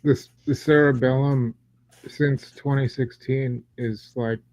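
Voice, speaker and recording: A man in a casual group call, his voice muffled and dull, speaking in a halting way with restarts. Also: mid-range voice, steady tone, darkish tone, no room sound. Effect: muffled, dull audio.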